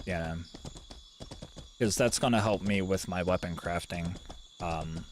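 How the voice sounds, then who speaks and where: A man's voice: deep voice, slow, a little hiss or hum. A man streaming a game live, talking in a laid-back, rambling way and swearing casually.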